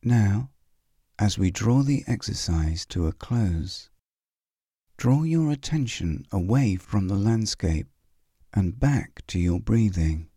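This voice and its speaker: A man leading a guided visualization meditation in a calm, soothing way, with long pauses. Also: lowish voice, husky, no echo, clean studio sound.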